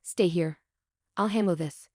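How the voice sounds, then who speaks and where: A woman's voice: on the low side, a little slow, darkish tone, no echo, studio quality, lightly acted. A woman voicing a frustrated middle-aged father who speaks firmly and demands answers. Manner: firm, demanding questions.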